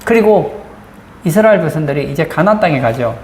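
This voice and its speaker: A woman pastor with a deep, a little mellow voice preaches briskly and with animation, often posing rhetorical questions to the congregation. The recording captures roomy church sanctuary acoustics and faint background noise.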